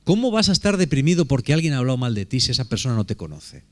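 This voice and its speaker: A man's voice: mid-range voice, very animated, very fast. A man preaching a sermon in a conversational, emphatic way, often asking rhetorical questions.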